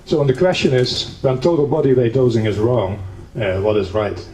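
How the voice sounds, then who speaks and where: In a conference hall, a Dutch man presents an academic lecture, calm in his explanations with a dry streak of humor. His warm voice is mid-range, his intonation fairly even, and his speed normal. The sound is echoey, picked up by a distant mic with a little noise.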